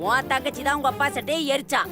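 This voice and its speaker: An actress playing a scheming, quarrelsome old grandmother in a TV serial, with a shrill, mocking manner and wailing exclamations. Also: steady tone, quick pace, close to an everyday voice. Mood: scornful. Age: older. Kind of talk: TV serial acting. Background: music.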